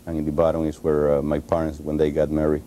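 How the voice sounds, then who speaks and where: A Cuban-accented man in his forties, a Spanish speaker, answering in a TV studio interview, halting with many pauses and restarts, on a lapel mic. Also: very deep voice, completely flat delivery, warm tone, a little hiss or hum. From Cuba. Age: 40s. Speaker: interview guest, author.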